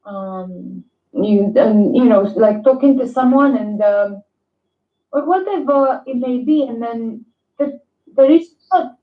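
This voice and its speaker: Halting woman over a bad connection. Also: a little high, expressive. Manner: halting, hesitant, many fillers and restarts. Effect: bad video-call connection, tinny and echoey. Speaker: caller on a video call. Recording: tinny echoey video-call audio.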